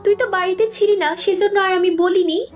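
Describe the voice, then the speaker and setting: A woman's voice: extremely high pitch, fairly even intonation, brisk. A woman voicing a timid young college girl, a little sister who talks in a pleading, childlike way. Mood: tearful.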